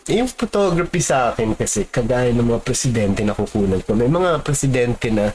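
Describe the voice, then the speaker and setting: A man's voice: medium pitch, darkish tone, slight background noise. Rambling Filipino man, casual talk. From Philippines. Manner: rambling, many fillers and tag questions. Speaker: street photographer.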